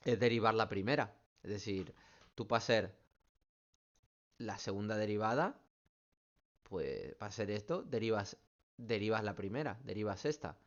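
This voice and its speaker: Patient math teacher, muffled call. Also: male voice, fairly low pitch, fairly bright tone. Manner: patient, explains step by step, keeps checking with "¿vale?". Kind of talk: online class solving student questions.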